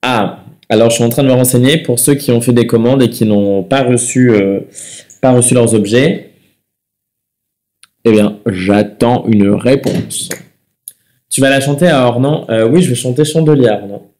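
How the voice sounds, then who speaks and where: A young man with a slightly stuffy nose, hosting a live webcam chat from his living room and answering viewer comments in a soft, relaxed way. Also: mid-range voice, moderate pace. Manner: soft-spoken and relaxed, sings between replies. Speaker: livestream host. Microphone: webcam mic.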